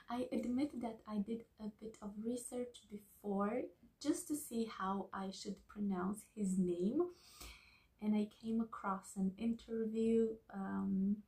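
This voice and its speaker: A woman giving a soft-spoken ASMR book review, talking slowly and slipping into whispers. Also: mid-range voice, poor audio. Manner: slow, soft, partly whispered talk.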